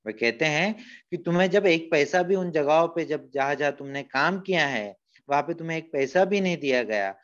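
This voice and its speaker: A male teacher walks his class through a story, patiently retelling each scene and explaining what it means. His voice is fairly high, and the recording sounds dull and lo-fi. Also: animated, moderate pace, a bit bright. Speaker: school teacher.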